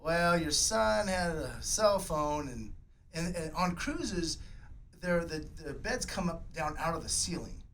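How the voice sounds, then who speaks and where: A man with a notably high voice tells a story with animated energy, laughing along as he goes. He speaks like a coach chatting casually on a podcast, with a faint hiss of noise in the background. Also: slow pace, poor audio. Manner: animated, lively storyteller who laughs at his own tale.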